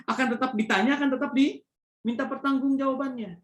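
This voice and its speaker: Speaking briskly in a very high voice, an Islamic preacher teaches a religious study lesson. He relies on everyday examples and frequent fillers, and the room has an echo.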